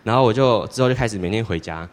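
A teenage boy giving a church testimony in a rambling, halting way, with many restarts. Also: lowish voice, clean tone. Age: teens. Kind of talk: personal testimony. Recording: long hall reverb.

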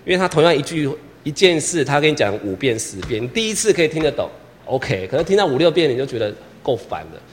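A man's voice: a little high, sing-song, quick pace, a little hiss or hum. A man directing a choir rehearsal, patiently repeating instructions, counting the singers in and singing lines to show them. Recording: long hall reverb with piano behind. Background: piano accompaniment.

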